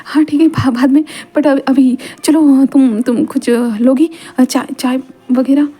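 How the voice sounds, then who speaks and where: A woman's voice: high-pitched, fairly even intonation, unhurried, dark tone, breathy edge. A woman voicing a flustered young man. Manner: stammering, hesitant.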